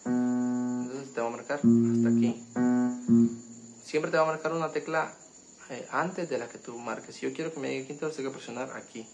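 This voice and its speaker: A man hosting a keyboard tutorial, explaining step by step in a halting, casual way with many fillers and restarts. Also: medium pitch, low-quality recording. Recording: loud keyboard music behind.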